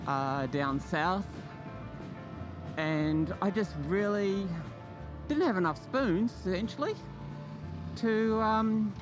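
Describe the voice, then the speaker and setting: A man's voice: high voice, slow pace, pauses often, over music. A man vlogging casually and unscripted as host of his channel, talking in a rambling, loosely organised way. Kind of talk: casual, unscripted vlog chat.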